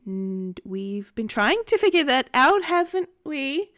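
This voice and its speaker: A woman voicing a gentle, towering tree goddess in a tabletop game, speaking politely and hesitantly, as if apologising. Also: high-pitched, sing-song, slow pace, no echo, studio quality, voice pushed up, heavily acted. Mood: apologetic.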